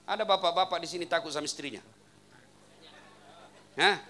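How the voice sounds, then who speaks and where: A man's voice: high voice, lively intonation, moderate pace, bright, forceful tone, soft background music. A man preaching a humorous sermon at a religious gathering in a home, teasing the crowd and firing questions at them. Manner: teasing, quizzes the audience.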